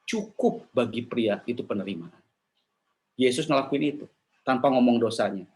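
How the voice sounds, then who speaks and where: A man's voice: mid-range voice, moderate pace. Man preaching animatedly to a women's gathering. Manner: animated, jumps into playful quoted voices and asks the audience questions; casual slangy talk mixed with formal preaching. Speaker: speaker at a women's church gathering. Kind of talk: lively sermon.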